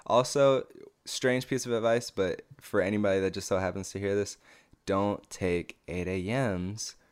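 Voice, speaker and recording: Deep-voiced young man, laughing and blunt. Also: fairly even intonation, normal speed, clean tone. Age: young adult. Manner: laughs often, slangy and blunt. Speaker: podcast co-host. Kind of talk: casual chat.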